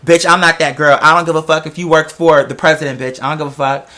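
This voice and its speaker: This storyteller is an American man whose account turns into a sassy, confrontational rant, casual and animated, laced with slang and swearing for emphasis. His voice runs a little high, at a quick pace.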